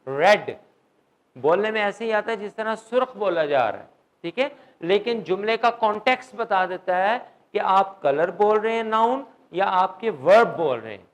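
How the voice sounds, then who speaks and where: Male English teacher, high voice, classroom grammar lecture, keeps quizzing students. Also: expressive, poor audio. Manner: quizzes students, mixes English terms into Urdu.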